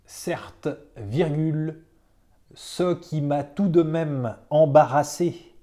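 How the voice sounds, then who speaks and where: A teacher reading a dictation aloud, saying each phrase several times with careful, deliberate phrasing and calling out the punctuation. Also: medium pitch, warm tone.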